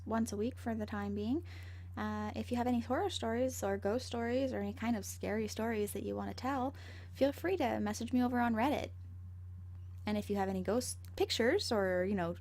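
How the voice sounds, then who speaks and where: A woman narrating scary stories in a conversational, slightly halting way, as an amateur. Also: medium pitch, a little mellow. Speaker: amateur horror story narrator. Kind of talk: first-person scary story narration and channel outro. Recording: home recording with faint background noise.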